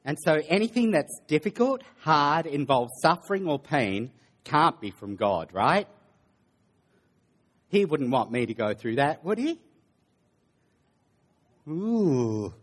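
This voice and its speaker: Guy preaching in church, kinda high voice, goes quiet then builds up slow and loud, sarcastic bits. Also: sing-song. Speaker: pastor. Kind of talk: sermon. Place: church sanctuary.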